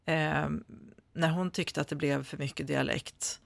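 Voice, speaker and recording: Swedish guy, kinda higher voice, gravelly, lots of ehs and restarts, dry close sound. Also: steady tone, a bit bright, dry recording. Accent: standard Swedish. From Sweden. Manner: hesitant, many fillers and restarts. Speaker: author being interviewed. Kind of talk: conversational interview.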